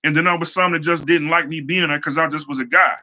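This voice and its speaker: A young man hosting his own show, telling personal stories in a casual motivational way, repeating phrases and using relaxed slang. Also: on the high side, fast talker. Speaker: show host, hair stylist.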